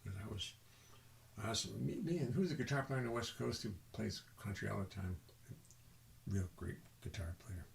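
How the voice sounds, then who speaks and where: An older man from the American South, a bassist and singer, chatting loosely and with self-mockery between folksy songs. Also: moderate pace, creaky, a little hiss or hum. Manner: rambling, self-mocking, sings folksy tunes. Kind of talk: live-stream chat and song. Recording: roomy sound with loud music behind.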